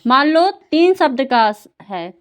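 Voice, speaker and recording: A woman with a high voice gives a patient home lesson to a young child. She asks question after question and repeats each answer so the child follows along. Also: sing-song, takes it slowly. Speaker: tutor teaching a child. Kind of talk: home tutoring, Hindi lesson.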